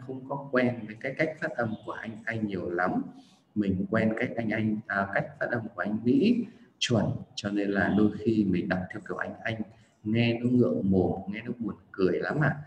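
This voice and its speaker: A man from Vietnam runs a chatty livestream pronunciation lesson, saying each word slowly and then repeating it. His voice sits fairly low. The room is echoey, with a faint hiss of background noise. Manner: chatty, demonstrates sounds by repeating words slowly. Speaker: English pronunciation teacher.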